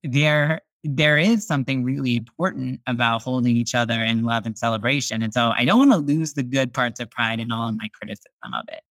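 A man's voice: mid-range voice, a bit bright, dry recording, poor audio. Thoughtful man talking as a guest. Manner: thoughtful, unhurried, many hedges. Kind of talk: casual interview talk.

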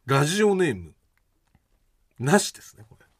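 A man's voice: a little high, big pitch swings, normal speed. A man co-hosting a comedy radio show, reading listener mail and announcements with a showy emcee flair. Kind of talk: casual comedy radio chat.

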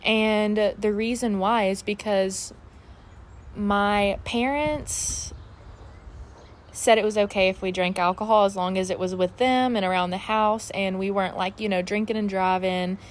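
A twenty-one-year-old woman hosts a casual solo podcast from her backyard, talking candidly and filling her speech with fillers. Her mid-range voice stays steady, and she keeps a measured pace.

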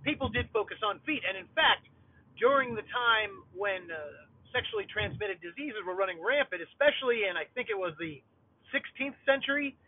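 A man's voice: high voice, lively intonation, moderate pace. A middle-aged podcast host talking off the cuff from inside his car, his voice sounding tinny and metallic through the car's built-in Bluetooth audio, rambling with many filler sounds. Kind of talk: unscripted solo monologue. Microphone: car's built-in Bluetooth system.

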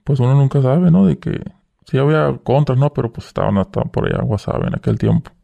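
A man's voice: medium pitch, brisk, vocal fry, dull audio. A young man, a guest in a casual interview, telling his story in slang and acting out the dialogue. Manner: slangy, acts out quoted dialogue. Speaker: guest, former cartel worker.

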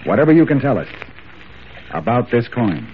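An actor playing a calm, wry crime-fighting hero in 1940s radio drama, clipped and dry. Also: male voice, medium pitch, normal speed, close to an everyday voice. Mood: coolly bargaining. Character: calm, wry male masked hero detective, commanding. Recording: noisy, dull 1940s radio recording.

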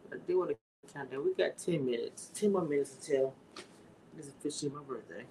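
A woman in her forties chats casually with viewers on her livestream, drawing out her words. Her voice is low and warm, and the low-quality recording carries slight background noise.

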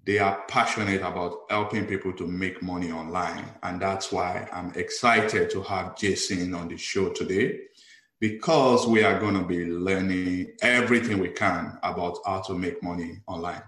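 A Houston-based life coach hosts an upbeat podcast interview, enthusiastic and earnest with some hesitations. He has a low-pitched, fairly bright voice with fairly even intonation and a normal pace. The recording has a roomy echo.

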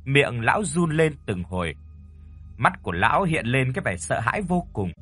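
A husky-voiced man tells a ghost story with dramatic flair. His pitch moves lively up and down, and soft music plays faintly behind him. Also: moderate pace.

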